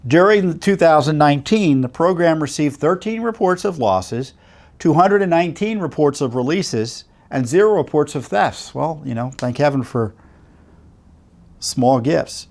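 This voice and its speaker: Male host, middle-aged, mid-pitched, loose conversational commentary with ums and asides. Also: a little mellow. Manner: conversational, with many fillers and rhetorical questions. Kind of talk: commentary to camera.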